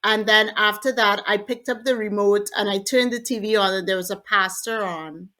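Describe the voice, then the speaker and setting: A woman's voice: mid-range voice, fairly even intonation, moderate pace, sharp tone. A woman from Trinidad, a podcast guest, earnestly telling her personal faith story in an interview.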